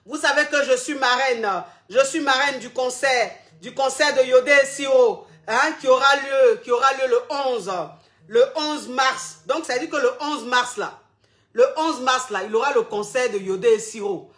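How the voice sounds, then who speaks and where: A woman's voice: sits high, steady tone, moderate pace, a bit bright. A woman hosting a live call-in advice show, direct and affectionate. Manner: direct, affectionate, calls listeners darling.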